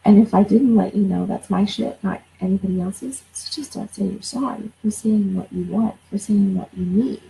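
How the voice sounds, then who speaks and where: A life coach in her forties talks casually and bluntly on a livestream, swearing and repeating words as she gets fired up. Her mid-range voice is gravelly and mellow, delivered at a moderate pace with hardly any pauses, and the audio quality is poor.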